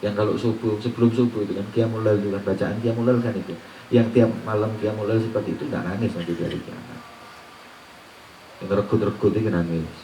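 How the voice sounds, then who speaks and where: A preacher on the low side, with fairly even intonation and a mellow tone, speaks a little fast during an Islamic sermon, quoting Arabic recitations amid colloquial teaching and asking rhetorical questions. He sounds far from the mic, with roomy echo and a little hiss or hum.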